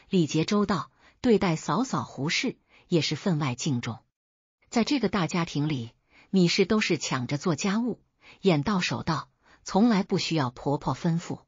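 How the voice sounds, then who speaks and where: Lady narrating an old folk tale, lowish and lively, bit husky, dull dry sound. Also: no room sound. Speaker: storyteller.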